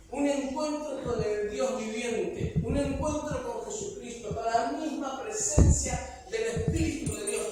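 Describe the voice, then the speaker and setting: Rioplatense male pastor, sermon in a church hall, echo and audible noise. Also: very high voice. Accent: Rioplatense Spanish. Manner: preaching with rhetorical questions and voiced quotes. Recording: echoey hall, far from the mic, noisy.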